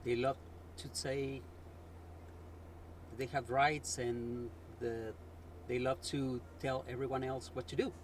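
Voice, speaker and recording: A man co-hosting a vlog with his husband, answering in short, relaxed replies in casual chat. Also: mid-range voice, slow pace, pauses often, slight background noise.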